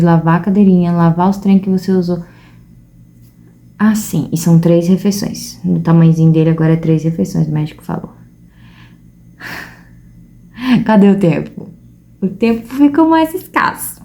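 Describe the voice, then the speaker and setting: A young Brazilian woman with a Brazilian Portuguese accent sits at a table and talks casually to camera, reflecting for viewers at home. Her mid-range voice is warm, and she speaks earnestly and conversationally, addressing her audience directly.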